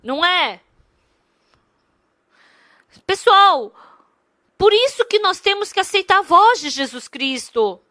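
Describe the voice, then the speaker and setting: A woman's voice: very high voice, very animated, slow pace, pauses often, sharp tone, no room sound, clean studio sound. A woman interprets a sermon. She speaks emphatically, repeats her points and asks the congregation many rhetorical questions.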